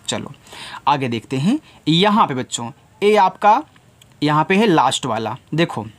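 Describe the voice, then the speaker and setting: A man teaching children, spelling out words letter by letter and answering his own questions. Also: high-pitched. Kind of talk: spelling and explaining lesson.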